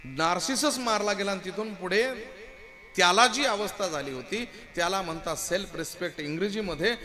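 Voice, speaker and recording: A male kirtan performer who tells the story in a lively, theatrical way and breaks off to tease the sound crew. His voice sits somewhat high for a man. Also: fairly quick.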